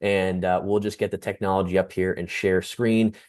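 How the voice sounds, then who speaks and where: Deep-voiced male co-host on a call. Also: flat delivery, normal speed, darkish tone. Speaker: webinar co-host. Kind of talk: hosting a video call. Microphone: video call.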